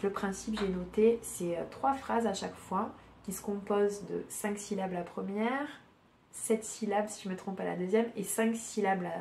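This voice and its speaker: A woman hosting a podcast from home, chatting casually and haltingly, with many fillers and restarts. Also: medium pitch, roomy sound, a little hiss or hum. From France. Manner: hesitant, many fillers and restarts, soft-spoken. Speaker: podcast host. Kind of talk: casual chat.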